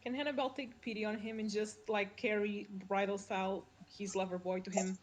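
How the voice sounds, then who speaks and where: A woman's voice: mid-range voice, steady tone, brisk. A woman playing a tabletop game, speaking casually for her character in a dry, bossy way.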